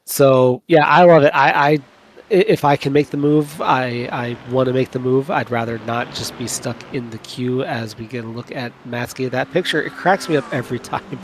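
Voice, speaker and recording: Excited male race commentator. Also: medium pitch, normal speed, a little hiss or hum. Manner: enthusiastic, repeats words when excited. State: sleepy late in a long broadcast. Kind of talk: live sim racing commentary.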